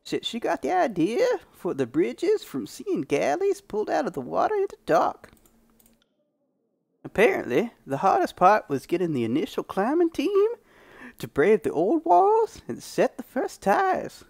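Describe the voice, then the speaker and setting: A man voicing a grizzled old male prospector who leads a frontier town, with a slow, drawling storyteller manner. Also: extremely high pitch, wildly swooping pitch, vocal fry, a little mellow, dry recording, pitched above the performer's own voice, full character voice. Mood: reminiscing.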